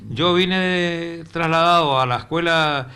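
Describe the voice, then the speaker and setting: A man's voice: on the high side, a little slow, sharp tone, clear, resonant tone. An older retired teacher from northeastern Argentina with a Corrientes accent, recalling his career in a rambling way that repeats words as he searches for them. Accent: Argentine Spanish, Corrientes. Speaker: retired teacher, interview guest. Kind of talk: casual interview. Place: local cable TV studio.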